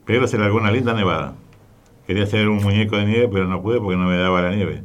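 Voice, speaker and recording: A man's voice: lowish voice, quick pace. A man with an Argentine accent co-hosting a radio show, telling rambling colloquial stories. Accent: Argentine Spanish. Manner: rambling, colloquial, says "¿viste?". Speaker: radio co-host. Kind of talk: casual radio chat.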